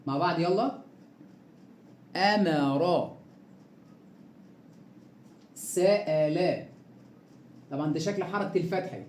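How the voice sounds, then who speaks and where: A man's voice: sits high, very fast, a little mellow, roomy sound. A man with an Egyptian Arabic accent teaching a beginners' reading lesson, spelling out words syllable by syllable with patient repetition.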